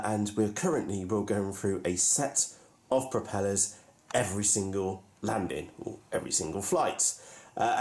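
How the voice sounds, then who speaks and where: A man's voice: lowish voice, a little mellow. A man hosting a hobby vlog, talking casually in a chatty, jokey and self-mocking way. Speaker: hobby channel host. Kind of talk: casual enthusiast vlog to camera.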